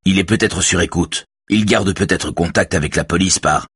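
A man's voice: deep voice, moderate pace, a bit bright, husky, dry recording, clean studio sound, full character voice. A man reading an audiobook and voicing a male bodyguard who speaks in a matter-of-fact way.

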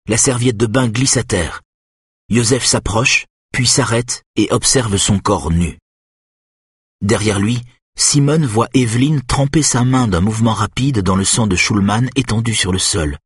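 A man reading a thriller as an audiobook narrator in a steady, measured way. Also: mid-range voice, slightly rough, no echo, clean studio sound.

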